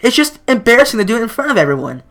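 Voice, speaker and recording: A bubbly teenage girl from a visual-novel game, giggly and eager, as a man puts her on. The voice is pushed well above the performer's own and a little louder. It comes out bouncy and bright. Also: very high-pitched, very animated, very fast, pitched above the performer's own voice, heavily acted. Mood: cheerful.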